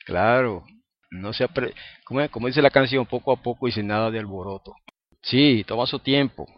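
A man's voice: medium pitch, normal speed, dull audio. A man preaching an informal sermon to a congregation, constantly checking in with the listeners and chuckling now and then. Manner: conversational, asks the listeners "¿ah?" and "¿verdad?" often; chuckles between points.

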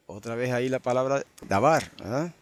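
A man's voice: medium pitch, normal speed. A man, teaching an informal Bible study and stopping often to check in with his listeners. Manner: conversational, full of tag questions and fillers.

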